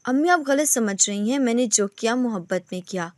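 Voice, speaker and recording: A woman's voice: on the high side, expressive, no room sound, clean studio sound, natural voice. A woman reading as a pleading young husband. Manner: soft, quietly pleading.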